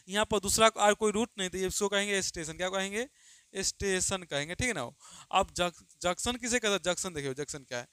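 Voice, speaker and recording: A man's voice: high voice, pushed and bright, clear, resonant tone, no echo. A man teaching a grammar lesson to students, who keeps asking questions and answering them himself, calling them "babu" and drawing out the example sentences he dictates.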